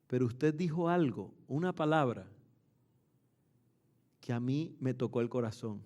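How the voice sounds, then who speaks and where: A man voicing an older rural man who tells of grief in a low, hushed, slow way. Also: natural voice. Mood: hushed earnest. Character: older rural man, grieving, gruff, converted.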